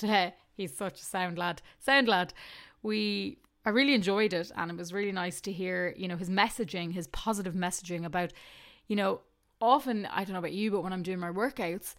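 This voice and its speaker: Chatty woman hosting a podcast. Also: medium pitch. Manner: chatty, warm, laughs often. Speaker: podcast host. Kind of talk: casual podcast chat.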